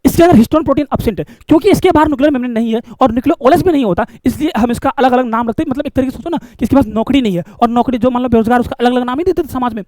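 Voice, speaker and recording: A man's voice: very high-pitched, very fast, few pauses, a little mellow, no room sound, studio quality. A male biology teacher, lecturing a class and coaxing answers by asking questions and repeating key terms.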